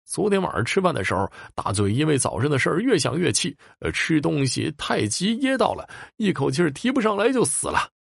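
A man voicing a grieving, frightened village husband who speaks in a halting wail. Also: fairly high pitch, big pitch swings, creaky, slightly rough, dry recording, clean studio sound, voice pushed up, exaggerated voice. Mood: nervous confession.

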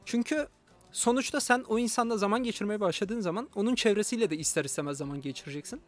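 A man's voice: high-pitched, fast, soft background music. A man chatting casually as a radio guest, joking at his own expense. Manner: self-deprecating, jokey. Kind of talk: casual chat. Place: radio broadcast.

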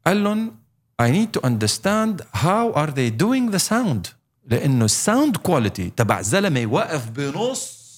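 A man chatting casually and animatedly, mixing in English words and laughing often. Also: on the high side. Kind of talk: casual chat.

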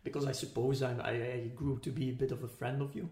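A man on a podcast, speaking as a guest, thinks aloud in a casual, reflective conversation. His medium-pitched voice is flat, quick, and a little mellow, and he sounds tentative and philosophical as he searches for words. The recording is echoey and roomy.

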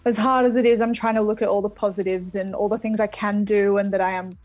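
A woman's voice: medium pitch, steady tone, fast, a little mellow, no room sound, faint music behind. A woman with an Australian accent chatting casually and reflectively as a singer being interviewed over a video call. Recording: phone-like thin sound of video call.

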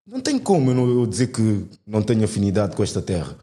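A man's voice: on the low side, very animated, fast talker, dark tone. A young man speaks heartfelt and argumentative in an earnest conversation, using casual slang. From Portugal. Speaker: guest.

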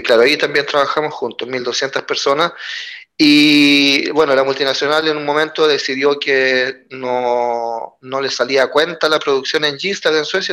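Man, 40s, Chilean accent; relaxed interview guest, steady storyteller. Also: mid-range voice. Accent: Chilean Spanish. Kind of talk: casual interview.

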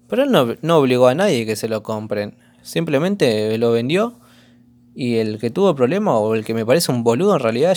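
A man with an Argentine accent, hoarse, rambling through a casual commentary vlog with lots of slang and fillers. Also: medium pitch, a little mellow. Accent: Argentine Spanish. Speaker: vlogger.

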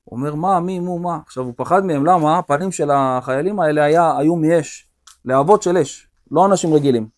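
A male rabbi telling a story during a religious lesson, in an animated storytelling manner. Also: fairly high pitch.

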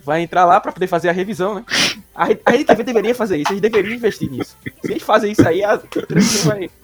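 A man with a Brazilian accent co-hosting a casual sports podcast, slangy and joking, halting and often repeating himself. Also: high voice, loud music behind the voice. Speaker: podcast co-host.

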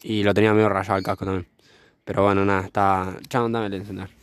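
A young man telling a story in a casual chat, slangy and animated, outdoors by a fire. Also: sits low, racing, clean tone, no room sound.

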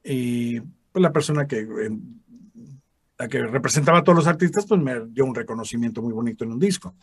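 Speaking fairly quickly in a husky, medium-pitched voice, a man with a Mexican Spanish accent recounts stories during a relaxed interview. Once a radio announcer and voice actor, he animatedly performs the voices he quotes. The sound is dry and of studio quality.

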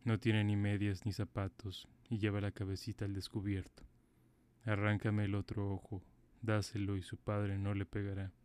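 Happy Prince, gentle statue, read by a man. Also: lowish voice, completely flat delivery, moderate pace, clean tone, natural voice. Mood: tender.

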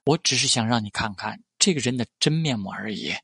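A ruthless young tycoon, as a male narrator voices him, talks low and level with quiet menace. The voice is gravelly and bright yet husky, recorded close and dry. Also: animated, brisk, no echo, full character voice. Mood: cold menace. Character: cold, ruthless powerful young tycoon, man.

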